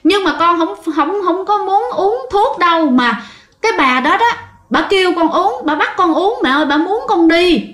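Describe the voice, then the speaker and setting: A woman's voice: very high voice, lively intonation, moderate pace, a bit bright, reverberant, pitched above the performer's own voice. A woman voicing a frantic young mother who pleads to stay with her crying baby, in a tearful, pleading manner.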